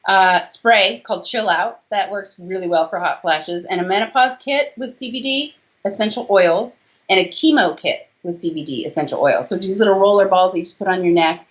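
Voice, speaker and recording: A doctor and author in her forties joins an interview by video call from a small room, speaking at medium pitch and a moderate pace with few pauses. She's talkative and emphatic, listing details as she goes. Her call audio comes through somewhat dull.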